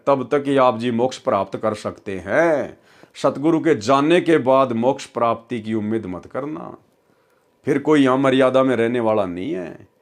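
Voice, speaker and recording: A man giving a devotional talk, earnest, who reels off long lists and keeps asking rhetorical questions. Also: medium pitch. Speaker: follower presenting the sermon.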